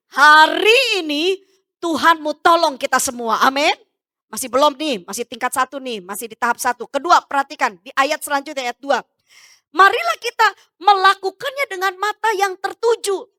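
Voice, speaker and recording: A woman pastor preaching a sermon, emphatic, swinging between loud urging and soft low asides. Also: no echo, clean studio sound.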